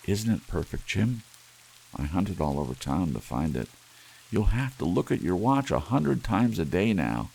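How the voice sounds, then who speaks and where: A man voicing a devoted, anxious young wife in a soft ASMR storybook reading, earnest and pleading. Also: low-pitched, measured pace, creaky, husky, voice pushed up, full character voice, rough recording. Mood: eager, delighted. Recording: audible hiss under steady rain sounds. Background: soft rain.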